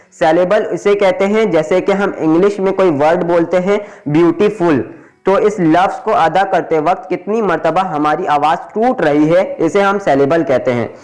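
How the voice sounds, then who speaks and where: A man's voice: high voice, a little mellow, poor audio. A man teaching a lesson, explaining each term in two languages and counting syllables one by one.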